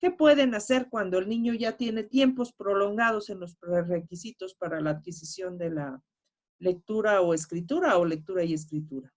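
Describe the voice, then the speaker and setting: A woman's voice: medium pitch, moderate pace. A woman moderating a webinar, reading out audience questions in an encouraging, conversational way.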